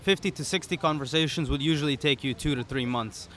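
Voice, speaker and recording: A young man, a startup founder being interviewed on a podcast, talking in a relaxed way with many "you know"s. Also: on the high side, quick pace. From Serbia, raised in the UAE. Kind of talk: casual interview. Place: pop-up studio at a conference.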